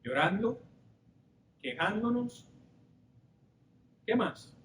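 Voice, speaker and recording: A man preaching a Bible study sermon to his congregation in an echoing church hall with a faint rumble behind. His voice sits high and he takes his time, putting question after question to the listeners. He unpacks Greek words patiently. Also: sing-song, a bit bright. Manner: rhetorical, explaining Greek words slowly.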